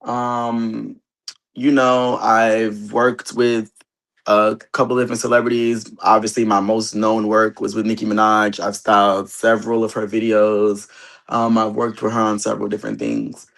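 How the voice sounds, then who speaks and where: Talking over a phone on a video call, a chatty man from Queens and Harlem, New York, who later lived in Delaware, is the guest in a casual interview. He's a celebrity stylist and reality show cast member, and he's emphatic and repeats himself. His voice is on the low side, creaky and fairly bright, with a completely flat delivery at a moderate pace.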